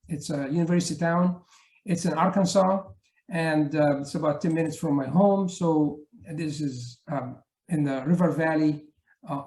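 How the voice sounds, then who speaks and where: A man's voice: a little high, a little mellow, reverberant, low-quality recording. Man presenting with many fillers. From Egypt. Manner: hesitant, many fillers and restarts. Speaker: education researcher presenting his book chapter. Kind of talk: conference presentation.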